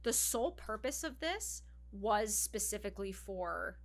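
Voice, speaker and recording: A woman co-hosting a podcast in casual chat, animated, laughing often and repeating herself. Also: mid-range voice, unhurried. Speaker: podcast co-host.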